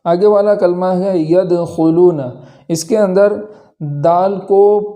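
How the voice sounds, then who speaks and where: A man teaching Quran recitation rules, explaining each letter and slowly reciting examples. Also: high voice, fairly even intonation, mellow. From India. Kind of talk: tajweed lesson with recited examples.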